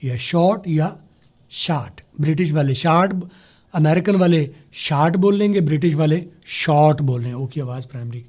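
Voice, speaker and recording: A man teaching spoken English to a class, spelling words letter by letter, slowing down to model sounds and checking that students follow. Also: fairly high pitch, darkish tone. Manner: slows down to demonstrate pronunciation. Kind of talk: classroom lecture.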